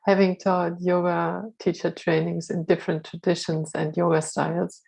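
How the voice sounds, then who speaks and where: A woman's voice: fairly low pitch, flat delivery, normal speed, creaky, a little mellow, breathy edge, low-quality recording. A woman reading a speaker's introduction at an online symposium, earnest and stumbling over a few words. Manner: earnest, with slips and self-corrections.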